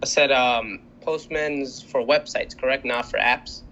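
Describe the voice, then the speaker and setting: A man's voice: medium pitch, steady tone, measured pace, pushed and bright, muffled recording, slight background noise. A male student asking short questions in an online class, his call audio cutting out.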